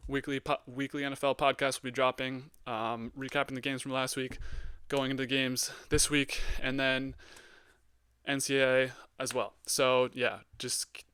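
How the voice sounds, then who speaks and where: A young man hosting a solo sports podcast, giving blunt hot takes with lots of ums and getting excitable. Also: mid-range voice, moderate pace, smooth, no echo. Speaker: podcast host.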